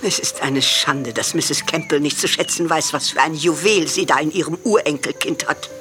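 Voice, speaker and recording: An actress playing a stern but kindly older farm woman in a radio play, speaking in a measured, earnest way. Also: low-pitched, a bit bright, faint music behind. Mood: fond.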